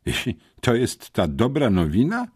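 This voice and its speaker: A man's voice: medium pitch, huge pitch swings, unhurried, a little mellow, breathy edge, pitched above the performer's own voice, exaggerated voice. A man reading an audiobook, voicing a nervous, indignant teenage schoolboy detective.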